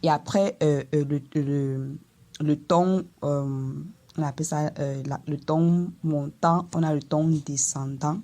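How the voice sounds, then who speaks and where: A woman teaching a language lesson, explaining slowly and carefully and voicing vowel examples for each tone. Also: low-pitched, fairly even intonation, mellow. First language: Eton.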